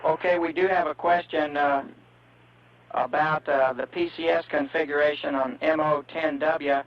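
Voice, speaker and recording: Male spacecraft communicator, higher-pitched, procedural delivery over a dull radio channel with static. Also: fairly even intonation, moderate pace. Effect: two-way radio with static. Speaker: spacecraft communicator at mission control.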